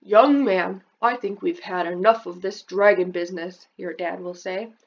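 Reading a picture book to a group of children, a preschool teacher keeps stopping to quiz them about the illustrations and pitches her voice up whenever a character speaks. Her pace is moderate, and the audio sounds dull.

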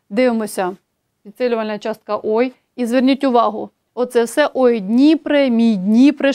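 A woman giving an exam-prep grammar lecture, explaining rules step by step, slowing down to read poetry examples and often saying "so" to check understanding. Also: a little high, a little mellow. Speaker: teacher.

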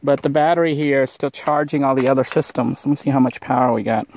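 In a low-quality recording with a little hiss or hum, a man speaks fast in a mid-range voice while vlogging outdoors beside a van. He narrates his cooking as a casual how-to, relaxed and rambling with lots of fillers.

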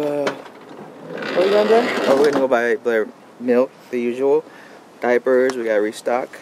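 A young man chatting casually to his camera as a vlogger, relaxed and full of loose fillers. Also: medium pitch, poor audio. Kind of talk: casual vlog chat. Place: out and about, cafe, store and street. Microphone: handheld camera. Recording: loud background noise on a handheld camera.

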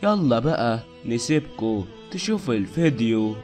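A man's voice: medium pitch, big pitch swings, moderate pace, a little mellow, soft background music. A man delivering scripted news narration as a video narrator in Arabic.

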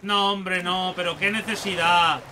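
A man's voice: high-pitched, level tone, measured pace, noisy background. A man with a Spain Spanish accent giving crude, joking let's play commentary and taunting the enemies he fights. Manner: swearing, joking, talks to enemies. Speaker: gaming youtuber.

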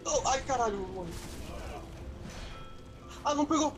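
A man's voice: extremely high pitch, animated, unhurried, over music. A young man with a Brazilian Portuguese accent, muttering casual slangy remarks while playing a video game.

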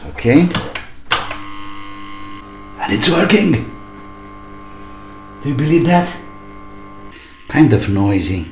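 A middle-aged hobby repairer presents his own video from a desk in his small indoor home workshop, chatting casually as he fixes things, musing aloud in short bursts and questioning himself. His mid-range voice swings widely in pitch, and he talks slowly with frequent pauses. The room is echoey, with loud noise and clicks.

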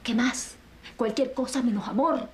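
A woman's voice: on the high side, unhurried, darkish tone, slight background noise, close to an everyday voice. An actress playing a bitter, jilted woman who reproaches the man she loved in a telenovela. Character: bitter jilted woman letting her lover go. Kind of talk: telenovela acting.

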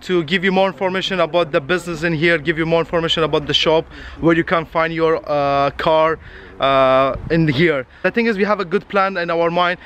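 A young man in his twenties strolls through an outdoor car lot, chatting in non-native English and pointing out cars to the camera he holds at arm's length. His voice is fairly high and fairly bright, with fairly even intonation and a fairly quick pace. Street noise is faint in the background.

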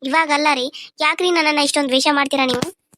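A woman's voice: fairly even intonation, fast talker, a bit bright, slight background noise. A woman voicing a devoted young wife in a cartoon serial who pleads and questions plaintively. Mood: hurt, pleading. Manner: plaintive, questioning, high-pitched.

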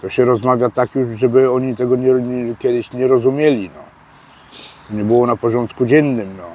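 A man's voice: medium pitch, steady tone, moderate pace, a little mellow. A man giving casual interview answers outdoors, hesitant and full of fillers and restarts. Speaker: interviewee explaining prison slang. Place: outdoors by a street.

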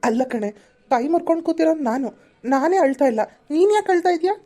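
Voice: very high-pitched, lively intonation, fast, warm tone. A woman voicing a lovestruck young man with a broken arm in a home-made cartoon. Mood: teasing. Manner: teasing, brooding inner monologue.

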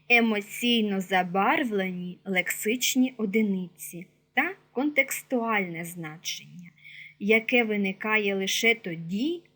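A woman reading a scripted language lesson in a clear, measured, explanatory way. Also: fairly high pitch, a bit bright. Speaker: teacher. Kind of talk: scripted educational narration.

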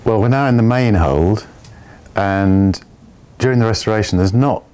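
A man in his fifties giving a measured, step-by-step tour of an old barge's wooden hold. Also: lowish voice, a little mellow, smooth. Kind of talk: explanatory walking tour.

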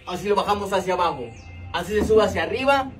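A man with a Mexican Spanish accent narrating mock tutorials in a deadpan, step-by-step way. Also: high voice, quick pace, faint music behind. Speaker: comedy creator.

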